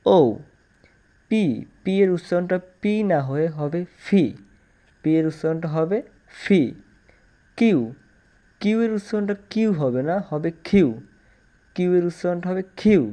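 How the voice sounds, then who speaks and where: A man giving an explanatory language lesson, repeating each point slowly and firmly. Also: on the high side, mellow. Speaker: English teacher.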